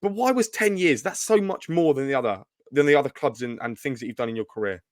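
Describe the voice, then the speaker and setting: A man's voice: medium pitch, expressive, fast, dry recording, clean studio sound. A man hosting an interview who asks long, winding questions. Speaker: interviewer host.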